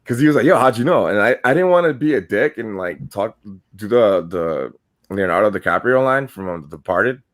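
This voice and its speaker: A New York podcast co-host with a lowish voice talks fairly quickly, telling rambling, animated stories laced with profanity in a casual chat.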